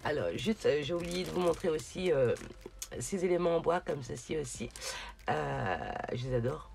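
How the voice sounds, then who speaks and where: A woman's voice: sits low, creaky, a little mellow. Woman doing a craft haul vid, lots of umm and searching for words, noisy background w/ crinkly packaging. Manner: halting, many hesitations and searching for words. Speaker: craft vlogger showing a shopping haul. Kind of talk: casual haul video. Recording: noticeable background noise, crinkling. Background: rustling and crinkling of packaging.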